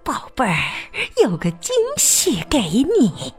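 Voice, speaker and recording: A woman's voice: wildly swooping pitch, slow pace, faint music behind. Woman doing a sheep faking a mom voice. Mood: mock-motherly. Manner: fakes a low, motherly voice to bargain. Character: clever young male sheep, disguised in wolf skin. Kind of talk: storybook read-aloud.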